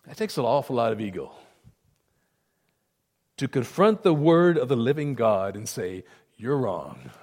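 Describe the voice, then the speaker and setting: A man's voice: mid-range voice, very animated, moderate pace, long pauses, a little mellow. A man preaching a sermon as pastor, earnest and emphatic, often repeating words for stress. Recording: long reverb of a hall.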